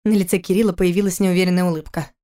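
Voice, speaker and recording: A woman reading an audiobook in an even, measured way. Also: on the low side. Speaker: audiobook narrator. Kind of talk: scripted narration.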